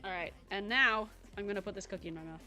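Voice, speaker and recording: A young woman hosts a livestream, chatting playfully with her viewers while eating and giggling often. She talks fast at a medium pitch with a sharp tone, and faint music plays behind her.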